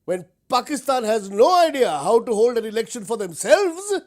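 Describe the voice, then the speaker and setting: A man's voice: very high-pitched, moderate pace. A man with an Indian accent playing an indignant, self-important political spokesperson in a satirical mock news interview. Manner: indignant, deadpan, insistent.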